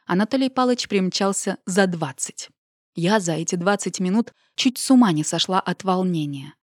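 A woman narrating a first-person audiobook with an expressive, emotional reading. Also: lowish voice, normal speed, dry recording, clean studio sound.

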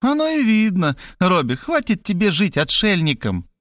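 A man's voice: high voice, huge pitch swings, normal speed, fairly bright tone, no echo, clean studio sound, voice pushed up, full character voice. A man voicing a pushy, scolding elderly mother in an audiobook. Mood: nagging. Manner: scolding, insistent, dramatic. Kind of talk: audiobook character voice.

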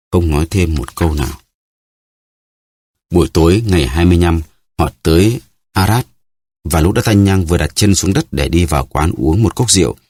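A male audiobook narrator with a notably low voice, reading a novel steadily. The recording is close and very dry, with no room sound. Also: dry recording. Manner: steady storytelling. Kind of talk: scripted narration.

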